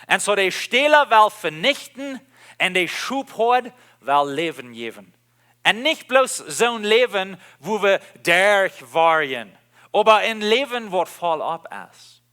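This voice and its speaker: High-voiced, slow-speaking male preacher. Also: sing-song, bright, forceful tone, clear, resonant tone. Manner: emphatic, repeats key phrases; mixes languages mid-sentence. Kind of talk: sermon.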